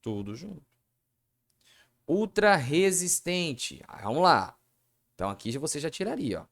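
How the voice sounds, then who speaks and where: A man's voice: mid-range voice, very animated, fast talker, gravelly, a bit bright. A man with a Brazilian Portuguese accent teaching a video lesson that goes through exam questions. He chats with the viewers and keeps asking himself questions, then answering them. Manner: chatty, addresses viewers as "gente".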